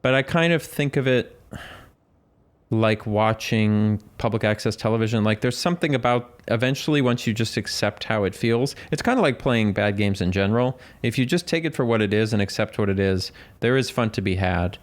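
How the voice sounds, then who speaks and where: A man's voice: on the low side, moderate pace. A man co-hosting a casual podcast, telling stories in a rambling, self-interrupting way. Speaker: podcast co-host.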